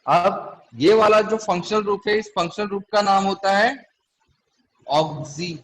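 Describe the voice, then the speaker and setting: A man with a high voice teaches a chemistry classroom lecture a little slowly, explaining step by step and quizzing his students with frequent questions. The recording quality is low.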